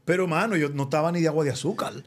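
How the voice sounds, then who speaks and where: A man's voice: a little high, racing. A middle-aged man with a Dominican accent, hosting a casual interview and teasingly pressing his guest with questions. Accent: Dominican Spanish. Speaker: talk show host.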